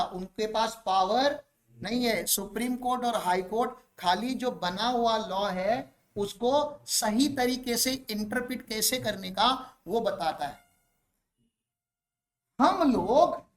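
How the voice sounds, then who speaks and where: A man's voice: high voice, fairly bright tone. A man giving a classroom lecture on tax law, mixing Hindi with English phrases, asking rhetorical questions and checking that students follow.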